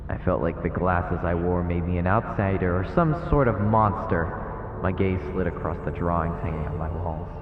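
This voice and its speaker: A man streams a horror visual novel, reading it aloud as dramatic, ominous narration at a moderate pace in a deep voice. Game music plays behind him, and the audio is echoey and muffled with a little hiss or hum.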